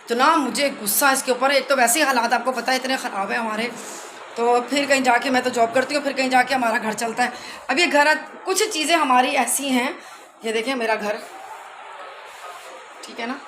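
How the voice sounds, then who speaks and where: A middle-aged woman chats through a casual home vlog. She talks in an animated way as she walks about her rented house with a phone camera. Faint household noise sits behind her voice. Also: high-pitched, moderate pace, echoey room. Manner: chatty and animated, retelling arguments. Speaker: vlogger.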